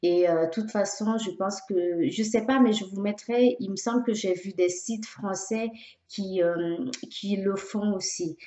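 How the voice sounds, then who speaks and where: A woman talking casually to her viewers in a product review vlog, hesitant with many pauses and fillers. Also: medium pitch, warm tone. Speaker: beauty vlogger. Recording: echoey room, dull lo-fi sound.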